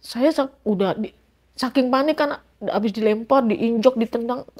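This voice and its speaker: A woman's voice: fairly high pitch, normal speed, a little mellow. A middle-aged woman giving an emotional personal testimony in an interview, acting out quoted dialogue as she recounts events.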